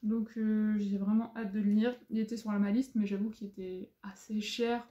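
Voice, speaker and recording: A woman's voice: medium pitch, level tone, moderate pace, warm tone, dull audio. A young woman vlogger chatting casually, with many fillers and frequent laughs. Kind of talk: casual chat. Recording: echoey room.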